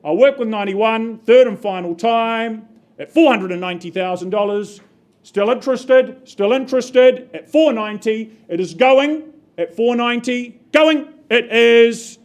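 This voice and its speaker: A woman's voice: on the high side, a little slow, a little mellow. A woman working as a live auctioneer, calling out bids and repeating figures in short phrases as she prompts bidders.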